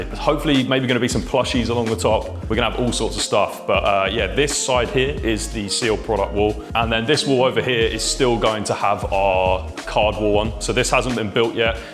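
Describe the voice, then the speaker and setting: A man's voice: fairly low pitch, fairly quick, hardly any pauses, music in the background. A man giving a casual, informal video tour to camera indoors, explaining things in loose, filler-laced phrases. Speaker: vlogger and shop owner. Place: indoors in a shop being fitted out.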